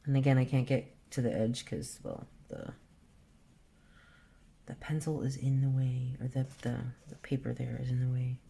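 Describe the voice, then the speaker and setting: A woman in her forties with a rumbling low, gravelly, husky voice chats at normal speed while she draws. The art vlogger talks relaxedly to herself about the colors, thinking aloud and trailing off mid-sentence.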